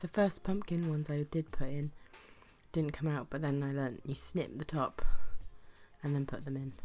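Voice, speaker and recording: A gardening vlogger narrates her video in a low, slightly mellow voice roughened by flu, her breathing audible. She is chatty and self-deprecating, dropping the occasional whispered aside, while faint music plays underneath.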